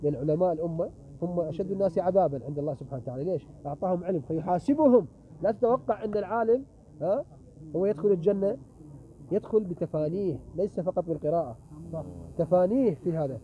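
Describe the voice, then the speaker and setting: A man's voice: high-pitched, fast talker. A middle-aged man preaching a sermon with a closing prayer, speaking emphatically and firing rhetorical questions at his audience. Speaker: visiting preacher. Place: religious gathering with an audience. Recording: muffled recording, faint background noise.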